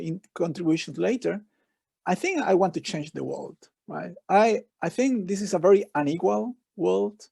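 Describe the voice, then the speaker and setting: Earnest Chilean man, high and gravelly. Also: darkish tone, no room sound. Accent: Chilean Spanish. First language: Spanish. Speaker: researcher. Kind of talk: online talk. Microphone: video call.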